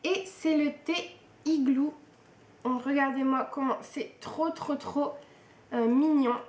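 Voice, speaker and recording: A woman's voice: high voice, fairly even intonation, slow pace, darkish tone. A young woman chatting casually through an unboxing, hesitant and full of fillers. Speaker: book and tea vlogger. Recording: echoey room with faint hiss.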